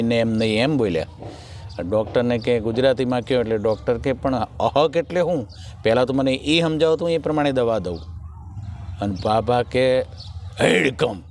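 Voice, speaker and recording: A man's voice: mid-range voice, slight background noise. A man with a Kathiyawadi Gujarati accent doing stand-up folk comedy, acting out the characters in his jokes. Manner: animated joke-telling, acting out characters' lines.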